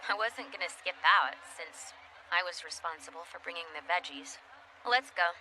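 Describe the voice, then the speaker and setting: An actress playing a blunt, hot-tempered teenage schoolgirl in an anime dub, sarcastic and quick to flare up. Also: fairly low pitch, lively intonation, pushed and bright, slight background noise. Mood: grumbling. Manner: brash, sarcastic, easily flares up.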